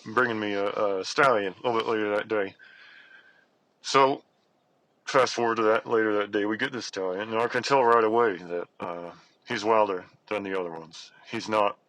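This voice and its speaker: Guy w his jaw wired shut telling a story, talks thru his teeth, halting, real dry close sound. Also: on the low side, sharp tone, dry recording, low-quality recording. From Arizona, United States. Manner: halting, repeats words. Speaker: caller telling a personal story. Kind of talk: casual first-person storytelling.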